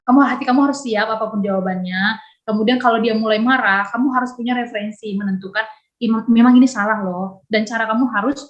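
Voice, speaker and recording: A woman with a slightly high voice teaches a youth Bible lesson over a video call. She chats in a lively way, laughs often and acts out dialogue.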